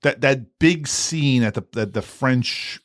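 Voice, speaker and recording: A man's voice: medium pitch, slow pace. Stammering man in casual movie chat. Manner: stammering, repeats words. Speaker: podcast co-host.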